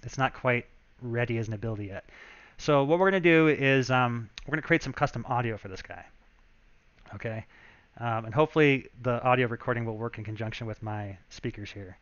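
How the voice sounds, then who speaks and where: A man's voice: medium pitch, sharp tone, smooth, dry recording, lo-fi sound. A man, a game developer, chatting casually and thinking aloud as he walks viewers through his work on a live stream.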